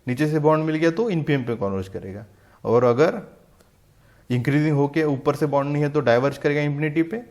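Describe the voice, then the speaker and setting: Male math lecturer, voice a bit high, keeps asking rhetorical questions, reads definitions out slowly. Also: a little mellow. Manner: asks the class rhetorical questions, says "theek hai" often. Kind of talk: explaining maths in Hindi mixed with English.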